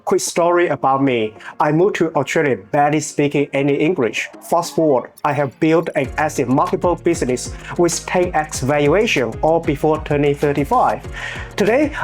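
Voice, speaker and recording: A man in his thirties from China, speaking with a Chinese accent and a slightly high voice, hosts his own channel. He gives earnest, measured motivational narration from a script, with a few small grammar slips.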